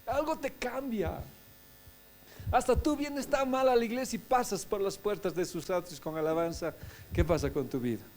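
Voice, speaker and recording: A man, a pastor, preaching a sermon, swinging between soft asides and loud exclamations. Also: high voice, moderate pace.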